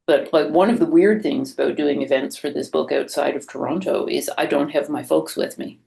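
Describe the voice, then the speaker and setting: A woman priest speaks with a low, creaky voice that has a gravelly edge. She tells stories candidly, laughs easily and plays down her own part. She is speaking over a video call. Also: brisk, mellow. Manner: candid, self-deprecating storytelling with laughter. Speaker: Anglican priest. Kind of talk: webinar conversation.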